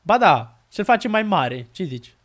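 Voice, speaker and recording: A loud, excitable woman chats through a live game stream, teasing her partner. Her voice swings widely up and down as she talks. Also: mid-range voice. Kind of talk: casual live gameplay chat.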